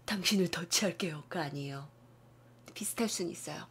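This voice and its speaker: A young woman teaching English in a casual video lesson, acting out example lines with big jumps in pitch and dropping to a whisper for asides. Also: a little fast, breathy edge.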